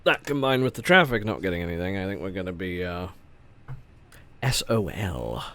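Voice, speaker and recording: Deep male voice, creaky, animated intonation, muttering and sweary, casual game streamer. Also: normal speed. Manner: muttering to himself, frequently swearing. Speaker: flight simulator streamer. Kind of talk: casual livestream gameplay commentary.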